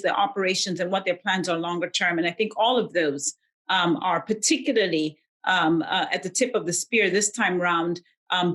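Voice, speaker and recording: A woman from Zambia answering interview questions over a video call in a measured way, with frequent ums and restarts. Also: mid-range voice, a bit bright. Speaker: guest economist.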